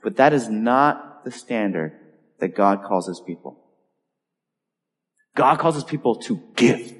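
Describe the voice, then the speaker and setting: His mid-range voice trails off into a long reverb tail as he preaches in church. The man is a pastor from the Boston area, US, using emphatic repetition and a personal story to drive his sermon home.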